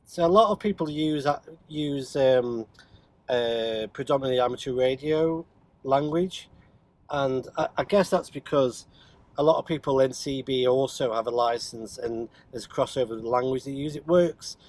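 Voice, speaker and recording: A man at medium pitch and normal speed, his tone darkish, chats unscripted as a radio hobbyist vlogger demonstrating CB radio gear in a car. He hesitates and thinks aloud, with faint vehicle noise in the background.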